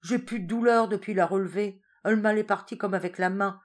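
A woman's voice: mid-range voice, steady tone, brisk, pitched above the performer's own voice, close to an everyday voice. A woman doing a jubilant old peasant husband. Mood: boisterous. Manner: rustic country dialect, boisterous.

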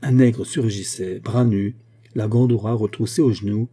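A male narrator reading a literary story aloud at a measured, even pace. His voice sits fairly low and sounds very dark and mellow, with a husky edge. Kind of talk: audiobook narration.

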